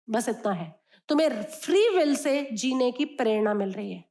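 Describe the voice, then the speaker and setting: High-voiced woman explaining scripture. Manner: expressive, mixes Hindi with English phrases. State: sore throat. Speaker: spiritual teacher.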